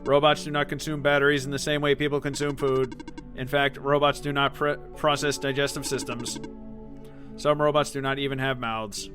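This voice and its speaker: A man's voice: mid-range voice, level tone, normal speed, over music, lightly acted. A man voicing a polite, stilted male robot, reading game dialogue in a formal, stiff robot-like way. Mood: matter-of-fact.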